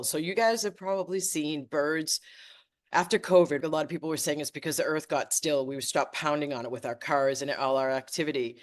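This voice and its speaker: A woman teaching energy medicine as a podcast guest, talking passionately and emphatically, stumbling over her words when she gets worked up. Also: sits low. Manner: passionate, emphatic, exaggerating for effect. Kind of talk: podcast interview.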